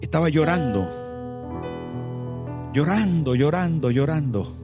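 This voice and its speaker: A man preaching a sermon as a pastor, impassioned, with soaring pitch and drawn-out words. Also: expressive. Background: music.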